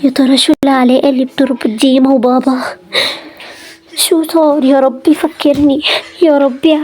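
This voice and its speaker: A woman playing a high-voiced, worried big sister. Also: darkish tone, lightly acted. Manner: emotional, worried, tender. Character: young woman, burdened, protective older sister. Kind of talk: amateur game drama voice acting.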